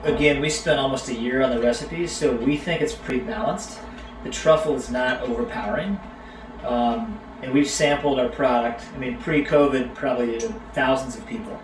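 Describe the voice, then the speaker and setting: A man's voice: mid-range voice, normal speed. A middle-aged man co-hosting a live cooking stream, chatting casually with viewers and his kids. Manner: relaxed, chatty, talks to viewers and kids by name. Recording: roomy sound from a distant mic, faint background noise.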